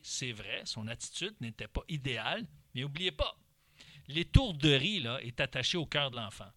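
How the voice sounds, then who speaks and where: A man's voice: medium pitch, dry recording. A man with a Québécois accent giving instructional parenting advice, now and then acting out what parent and child say. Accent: Québécois French. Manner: animated, briefly acts out parent and child lines. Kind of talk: instructional talk.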